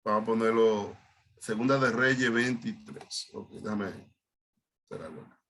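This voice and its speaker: Man, pastor, bright forceful voice, halting teaching style, repeats words. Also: lowish voice. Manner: halting, repeats words, explains Hebrew terms. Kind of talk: online Bible study teaching.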